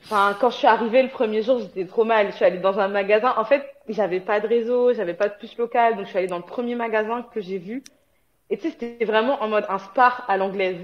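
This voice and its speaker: A woman from Guadeloupe, a guest in an interview, talks casually and chattily at a quick pace in a mid-range voice, with many hesitations and bursts of laughter. The recording sounds dull and lo-fi.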